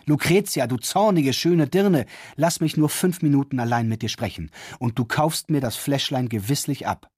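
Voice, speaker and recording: A man voicing a frightened young merchant who pleads anxiously, with a husky voice, in a fairy-tale reading. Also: mid-range voice, lively intonation, moderate pace, no echo, clean studio sound. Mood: pleading.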